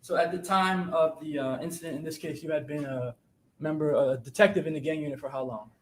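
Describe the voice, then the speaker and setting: In this courtroom recording, a man working as defense attorney fires off questions at a brisk clip, slightly high for a man, often restarting mid-phrase. The room gives his voice a roomy echo, with a faint rumble underneath. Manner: quick, halting questions with restarts. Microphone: courtroom podium microphone.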